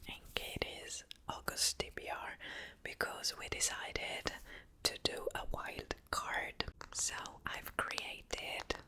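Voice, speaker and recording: A woman whispering softly into a close mic, chatting about books in a gentle, unhurried way. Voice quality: soft whisper. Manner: slow, gentle, chatty with tapping sounds. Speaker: booktuber. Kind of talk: whispered ASMR book chat.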